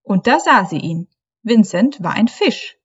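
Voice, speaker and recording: Calm woman reading a children's story. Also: mid-range voice, a little slow, slightly rough, dull audio. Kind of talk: scripted storybook narration.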